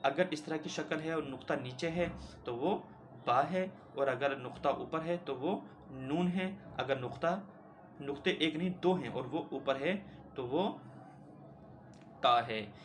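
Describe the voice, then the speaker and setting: A man's voice: a little high, measured pace, a little hiss or hum. Patient man teaching a Quran reading lesson. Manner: patient, repeats points and asks himself questions. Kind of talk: step-by-step classroom explanation.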